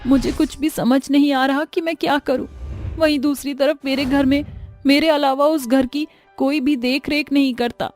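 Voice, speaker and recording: A woman's voice: high voice, steady tone, moderate pace, darkish tone, faint music behind, natural voice. A woman voicing an earnest young henna artist in a storybook tale. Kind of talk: storybook voice acting.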